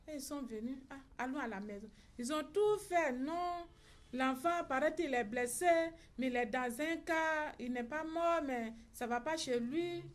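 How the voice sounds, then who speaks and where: Middle-aged Ivorian woman, bereaved mother at a press conference, slightly raised pitch, acts out the voices in her account. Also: unhurried. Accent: Ivorian French. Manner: recounts events by acting out reported dialogue.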